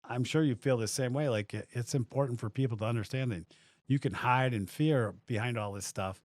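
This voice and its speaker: A man's voice: mid-range voice, a little fast, no room sound. A man hosting a podcast, chatting casually in a friendly, agreeable way with a bit of dry sarcasm. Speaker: podcast host. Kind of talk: casual chat.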